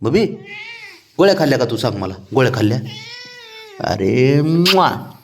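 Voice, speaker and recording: A man talks to his cat in cajoling, affectionate baby talk. His pitch is animated, leaping high and dropping low as he coaxes. The voice sits at a middle pitch for a man. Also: fast, background noise. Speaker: cat owner. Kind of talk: coaxing talk to a pet cat.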